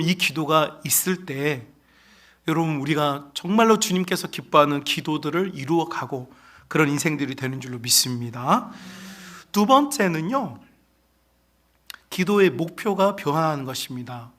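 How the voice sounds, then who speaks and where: Male pastor giving an emphatic Sunday sermon, voice pitched a little high. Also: lively intonation, moderate pace, a bit bright. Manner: emphatic, often addresses the congregation directly.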